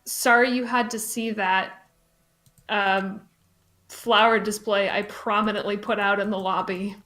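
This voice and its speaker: A woman's voice: medium pitch, little pitch movement, unhurried, fairly bright tone. A woman co-hosting a game stream, reading out chat and commenting in a casual, sardonic, sweary way.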